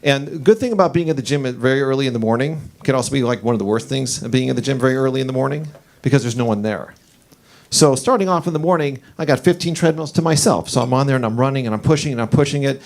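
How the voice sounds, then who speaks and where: A man in his forties performing a stand-up comedy set, telling stories in an animated way with his voice rising as the story builds. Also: gravelly. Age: 40s. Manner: animated storytelling, pitch climbing as the story heats up. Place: comedy club stage.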